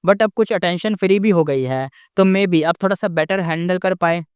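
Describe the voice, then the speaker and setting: A man reading the lines of a serious female commentator who explains the contest in a calm, matter-of-fact way. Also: high-pitched, moderate pace, smooth, dry recording, studio quality, lightly acted. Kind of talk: casual story retelling.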